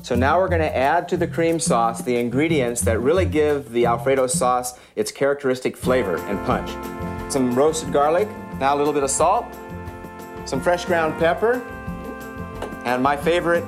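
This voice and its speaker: A man's voice: mid-range voice, normal speed. A man working as a chef, explaining a dish step by step and addressing his learner directly. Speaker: chef giving a cooking demonstration. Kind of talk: step-by-step instructional talk. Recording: music under the voice. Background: background music with guitar.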